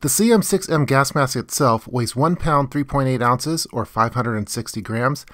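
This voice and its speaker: A man with a mid-pitched voice narrates a product review. His delivery is scripted and explanatory, kept informal as he goes through the details. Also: moderate pace, a bit bright, dry recording, clean studio sound.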